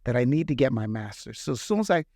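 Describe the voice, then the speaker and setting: A man's voice: mid-range voice, big pitch swings, quick pace, gravelly, warm tone, no room sound, clean studio sound. A middle-aged man from the Bahamas, a healthcare executive, answering interview questions with earnest, reflective storytelling. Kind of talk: interview conversation.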